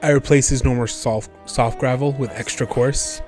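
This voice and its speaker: A man's voice: medium pitch, steady tone, moderate pace, darkish tone. A man giving casual let's play commentary in a sarcastic, joking, sweary way. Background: game music.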